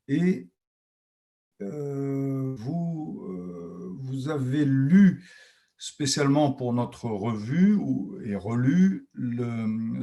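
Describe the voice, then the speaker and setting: A man moderating a literary discussion panel, speaking haltingly with many fillers. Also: mid-range voice, warm tone.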